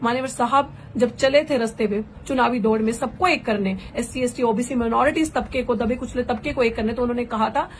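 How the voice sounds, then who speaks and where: Woman activist, higher register, impassioned rhetorical speaker, mixes in English phrases. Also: a little fast, few pauses, slight background noise. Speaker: political activist and candidate. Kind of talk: impassioned live political address.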